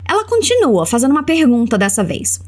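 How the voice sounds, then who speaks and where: A woman with a Brazilian accent teaching English in an audio lesson, saying model phrases slowly for the listener to repeat. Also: sits high, wildly swooping pitch, a little mellow. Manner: slow, carefully spelled-out model phrases for repetition.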